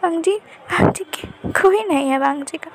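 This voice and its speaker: A woman's voice: very high voice, moderate pace, background noise, pitched above the performer's own voice. A woman voicing a small orphaned boy who sobs and pleads in a childlike way. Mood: sobbing. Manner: sobbing, pleading childlike talk.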